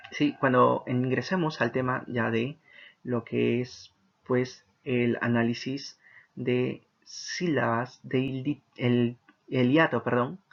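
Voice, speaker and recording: Guy teaching poetry meter, kinda gravelly voice, slightly muffled lo-fi audio, keeps asking if you follow. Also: mid-range voice, a bit bright. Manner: patient, explanatory, checks in with "¿sí?"; counts syllables aloud slowly. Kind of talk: online literature lesson.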